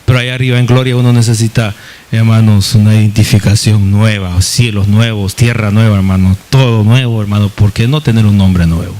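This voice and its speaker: A male pastor preaching a Bible study in a folksy way, often calling listeners "brother", with many fillers and restarts and a voice that swings up high. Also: brisk, a little hiss or hum. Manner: lively pitch swings, rising high in places.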